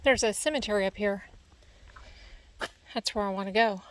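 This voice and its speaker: A woman's voice: mid-range voice, moderate pace. A woman vlogger giving casual travel narration, musing aloud in short fragments as she hikes.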